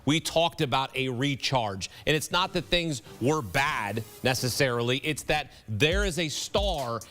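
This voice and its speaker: A man's voice: medium pitch, expressive, a little slow, bright, forceful tone, soft background music. A man hosting a sports recap discussion from a studio set, putting questions to his panel. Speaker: sports show host.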